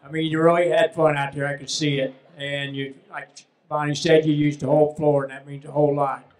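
A laid-back male judge gives plain-spoken feedback in a fairly flat voice. The hall adds a strong echo around him. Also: fairly high pitch, a little fast. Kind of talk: live critique. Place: ballroom at a charity dance gala. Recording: echoey hall, mic from afar.

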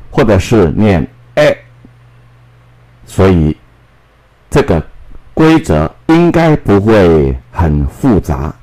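A man teaching English phonics, spelling out letters and repeating each word slowly. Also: sits low, mellow, poor audio. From Taiwan. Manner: slow, drawn-out spelling and word repetition. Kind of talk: classroom phonics lesson.

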